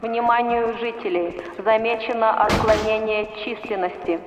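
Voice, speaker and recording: Give me a formal city announcer booming over a loudspeaker, echoing, with a slightly high voice. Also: female voice, steady tone, highs cut off. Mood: official. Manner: formal, measured official announcements. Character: calm female city announcer issuing orders. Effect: public-address loudspeaker broadcast over a city. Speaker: public announcer. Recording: echoey loudspeaker with loud background noise.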